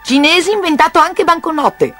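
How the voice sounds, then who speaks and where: A reader voicing an ancient male kite flyer with a small, high voice and clipped, broken speech. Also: sing-song, normal speed, faint music behind. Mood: chirpy.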